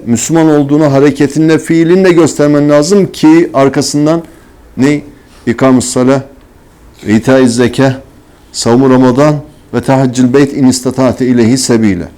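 A man preaching in a warm, mellow voice, asking the room rhetorical questions and answering them himself. He often slips into a scolding, mocking tone when he talks about hypocrites. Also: medium pitch. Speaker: religious teacher. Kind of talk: sermon-style religious talk.

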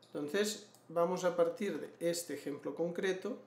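A man, walking through a screen-share tutorial and clearing his throat often. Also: on the high side, a little slow, a little mellow. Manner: explanatory, frequent throat clearing. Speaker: trading educator. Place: small room indoors. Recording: roomy echo.

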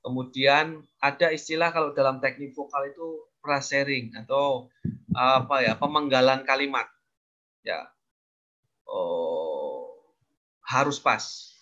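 Man, webinar trainer, casual explaining, lots of fillers, bright tone, dull video call audio. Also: mid-range voice, steady tone, measured pace, pauses often. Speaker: public speaking trainer. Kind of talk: webinar coaching talk.

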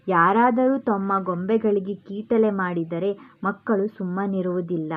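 A woman teacher with a Kannada accent reads a school lesson aloud and then explains each line again in looser everyday speech. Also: mid-range voice. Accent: Kannada, Karnataka. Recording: phone-like narrow sound.

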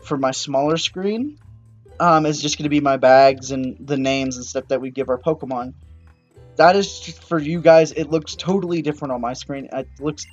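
A young man talks through a video game in a loose, rambling way and keeps breaking into excited yelps. His voice sits a little high for a man. Faint game music plays under him. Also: normal speed, lo-fi sound. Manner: casual, rambling, excitable outbursts. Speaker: gaming channel host. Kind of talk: let's-play commentary.

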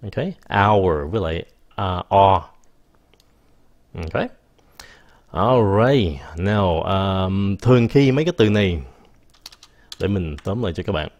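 Slow, low-voiced male teacher. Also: expressive, darkish tone. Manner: slow, explains patiently, frequent "ok" and self-corrections. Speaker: English teacher. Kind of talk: casual spoken grammar lesson.

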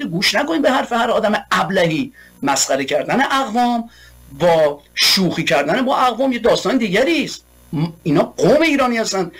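A man's voice: high voice, fairly bright tone. A man giving an impassioned political monologue, heated and rhetorical, building long repeated lists. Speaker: political commentator.

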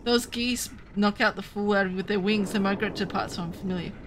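A woman from Canada in her thirties, streaming a game and chatting casually with viewers, excitable and jumping between topics. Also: medium pitch, fast talker, a little hiss or hum. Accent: Western Canadian. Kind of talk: casual livestream chat with viewers.

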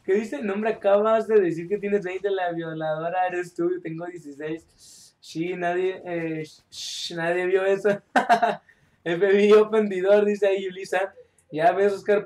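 A young man streaming a game live, chatty and joking as he reads out viewer chat and shouts calls mid-match. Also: high voice, fairly even intonation, unhurried. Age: young adult.

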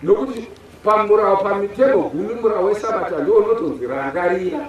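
Brisk far-off outdoor preacher, man. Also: high-pitched, slight background noise. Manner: call-and-response preaching. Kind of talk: open-air sermon. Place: outdoor church field. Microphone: far camera. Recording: echoey open-air sound from far off.

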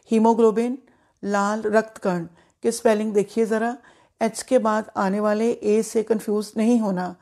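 Slow, mellow-voiced woman teaching pronunciation. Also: a little high. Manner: slow, deliberate, repeats each word carefully. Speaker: English teacher, former principal. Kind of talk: pronunciation lesson in Hindi.

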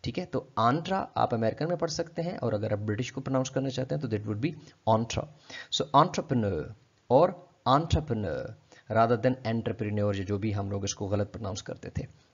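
A man's voice: on the low side, husky. Patient man teaching pronunciation. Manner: patient, repeats words slowly for the listener to copy. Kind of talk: explanatory lesson. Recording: dull lo-fi recording.

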